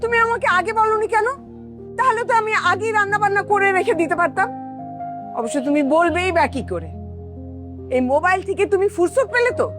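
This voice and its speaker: A fussy mom, very high lively voice, nagging. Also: female voice, a little fast, over music. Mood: fretful. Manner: complaining, hushing. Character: fretful nagging housewife, middle-aged mother. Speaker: mother and wife. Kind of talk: TV drama acting.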